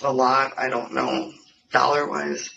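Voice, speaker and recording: A woman's voice: rumbling low, level tone, a little slow, gravelly, fairly bright tone, slight background noise. A woman answering police questions as a suspect, defensive and pleading, repeating herself insistently. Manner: insistent, repetitive denials. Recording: muffled, distant interrogation recording, music behind.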